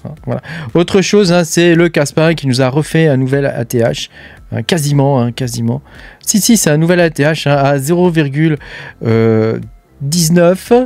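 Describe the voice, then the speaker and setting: Casting note: a man hosting, fairly high voice, casual chatty roundup, dry close mic. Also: moderate pace, creaky, darkish tone, dry recording. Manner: chatty, frequent filler tags and hesitations. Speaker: crypto mining channel host.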